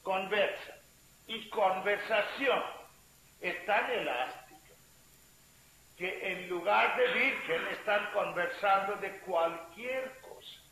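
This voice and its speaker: A man, a swami giving a spiritual talk, telling a story in a slow, deliberate way. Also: high voice, bright, forceful tone. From India. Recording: echoey room with faint hiss.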